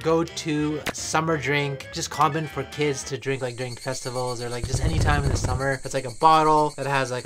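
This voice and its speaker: A man hosting a casual food review, upbeat and chatty, with lots of filler words. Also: medium pitch. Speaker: host.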